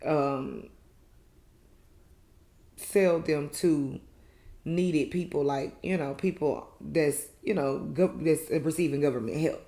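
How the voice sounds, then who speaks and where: A woman's voice: deep voice, slow, gravelly, pauses often, warm tone. A woman host giving a casual, chatty recap review of a reality show in a colloquial, filler-heavy way. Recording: echoey room.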